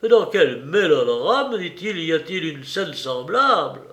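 A man's voice: fairly high pitch, unhurried. A man playing a cold, weary estranged husband who answers curtly in an audiobook reading. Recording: roomy echo.

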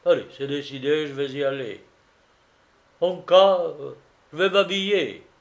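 A man's voice: a little high, a little slow, vocal fry, highs cut off. A man voicing a vain, touchy young male clerk in love, talking in a fretful, self-important way. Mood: resolute. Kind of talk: audiobook reading.

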